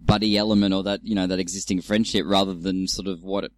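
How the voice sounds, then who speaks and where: A man's voice: low voice, flat delivery, fast, no room sound. A man co-hosting a podcast, giving opinions on a film with frequent laughs and hedges. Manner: laughing, hedging opinions with "yeah, again". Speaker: podcast co-host. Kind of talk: casual film discussion.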